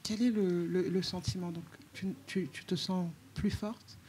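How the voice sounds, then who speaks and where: A woman's voice: on the low side, steady tone, measured pace, a little mellow, a little hiss or hum. A woman with a French accent hosting a talk show, prompting her guest with questions and finishing her sentences. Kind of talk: interviewing.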